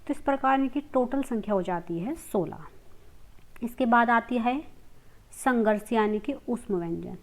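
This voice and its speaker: Woman teacher, on the high side, patient lesson delivery that poses and answers its own questions. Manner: explains step by step, repeats letter sounds slowly, asks and answers her own questions. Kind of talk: classroom grammar lesson.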